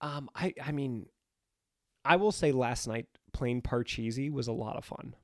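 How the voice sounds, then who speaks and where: A male podcast co-host with a nasal, pinched-nose voice, blocked up by a cold. He chats casually and teasingly at a middling pitch. The sound is dry and close. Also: a little slow, no echo. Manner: joking, teasing banter. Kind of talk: casual unscripted podcast chat.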